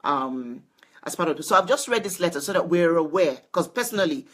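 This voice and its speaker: A woman's voice: on the low side, lively intonation, brisk, a bit bright. Chatty woman hosting a live stream. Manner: chatty, greets viewers by name, frequent restarts. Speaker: host of a parenting livestream. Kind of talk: casual live-stream chat. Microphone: phone or laptop mic for a live stream.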